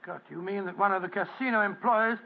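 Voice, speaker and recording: An actor playing an earnest, easily astonished gentleman doctor in vintage radio drama. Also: high voice, brisk, gravelly. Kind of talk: 1940s radio acting. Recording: muffled old radio recording.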